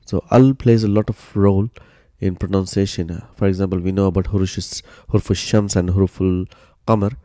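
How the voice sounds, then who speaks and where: A man with a low, mellow voice teaches a grammar lesson, explaining patiently step by step and relying on "so" and "uh." He speaks briskly in a steady tone with few pauses, and the close, dry recording has no echo or room sound.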